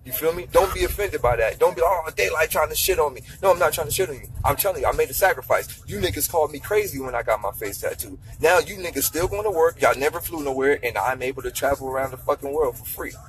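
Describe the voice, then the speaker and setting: A man in his thirties vlogs blunt, profane money advice in a casual motivational rant to camera, lecturing and repeating himself a lot for emphasis. His voice sits a little high and moves fast with few pauses, and the audio quality is poor.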